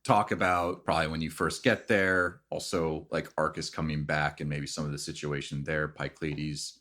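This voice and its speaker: A man's voice: rumbling low, little pitch movement, moderate pace, pushed and bright. A man narrating a tabletop game casually as game master.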